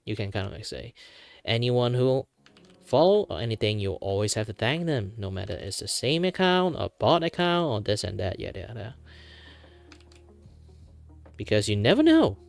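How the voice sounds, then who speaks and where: A man hosting a livestream, chatting casually in a rambling, animated way. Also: lowish voice, moderate pace, vocal fry, pauses often, soft background music. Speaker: livestream host.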